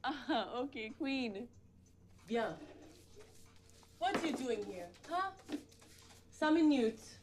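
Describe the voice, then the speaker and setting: Film role: a chatty half-woman, high voice, unhurried broken English, music under. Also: animated, slight background noise, full character voice. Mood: friendly. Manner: broken English mixed with French words. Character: chatty warm half-French woman abroad. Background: film score music.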